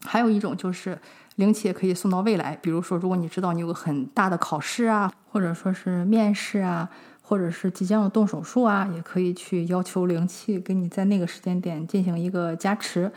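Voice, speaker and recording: A woman's voice: on the low side, a little fast. A young adult woman from China, hosting a podcast and chatting through a personal story, acting out remembered conversations. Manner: chatty, fillers and animated retold dialogue. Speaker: podcast host.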